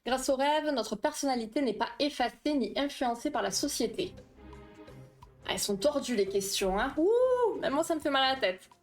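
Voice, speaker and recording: A woman's voice: fairly high pitch, moderate pace, faint music behind. Chatty woman hosting a livestream. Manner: chatty, laughs often, reads chat aloud. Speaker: livestream host. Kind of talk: casual livestream explanation with quiz.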